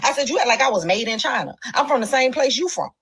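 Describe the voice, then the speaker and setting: A woman telling a comic story in a rapid, high-energy delivery, from a played clip. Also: lively intonation, a bit bright, slightly rough. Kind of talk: stand-up style storytelling clip.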